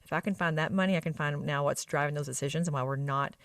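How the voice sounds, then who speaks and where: A woman from Arkansas with a Southern accent, appearing as a guest expert on medical spa practice operations, talks fast in a low voice with a fairly bright tone. She explains things emphatically in a conversational interview, often checking in with short tag questions. The recording is dry and captured from a distance.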